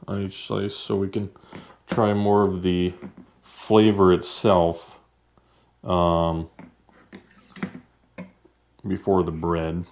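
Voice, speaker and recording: Low-voiced easygoing man. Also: a little mellow, slight background noise. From United States. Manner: easygoing, chatty, talks while eating. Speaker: vlogger. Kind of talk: casual food-tasting chat.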